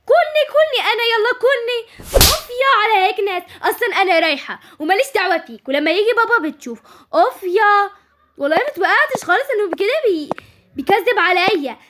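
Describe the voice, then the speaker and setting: A woman's voice: very high-pitched, lively intonation, fast, background noise. A woman voicing a frantic, dramatic schoolgirl in a doll-game role-play, full of squealing exclamations. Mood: indignant.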